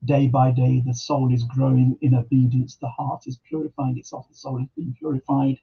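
A man's voice: medium pitch, expressive, normal speed, creaky, slightly rough, muffled recording. A man teaching an Islamic lesson on a podcast, reflective, with rhetorical questions and quoted Arabic scripture. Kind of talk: religious talk. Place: podcast studio.

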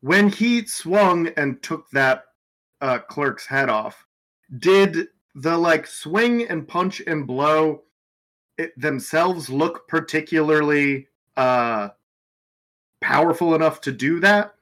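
A man's voice: a little high, expressive, slow pace, a bit bright. A man playing a tabletop game who asks hesitant questions. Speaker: player. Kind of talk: casual tabletop game play.

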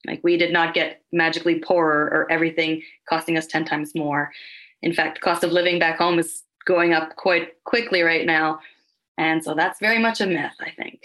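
A woman from Nova Scotia, a hypnotherapist guest on a podcast, explaining her work in a calm, earnest way. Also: low voice, normal speed, low-quality recording. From Halifax, Nova Scotia, Canada. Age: adult with children. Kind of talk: podcast interview.

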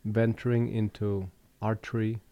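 A man from Colombia hosting a relaxed conversation, speaking reflectively with frequent pauses and restarts. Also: fairly low pitch, no room sound, muffled recording. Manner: reflective, unhurried, with fillers and restarts. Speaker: podcast host. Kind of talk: casual conversation.

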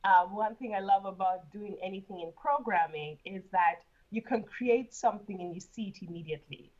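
A woman's voice: mid-range voice, moderate pace, darkish tone, muffled recording. A woman from Uganda, a guest in an interview, talking casually and laughing often, with frequent repeated words.

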